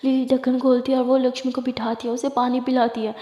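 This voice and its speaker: A woman narrates a serialized love story in a brisk, dramatic way. Her voice is high and mellow. The recording has a long, roomy hall reverb. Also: flat delivery, highs cut off.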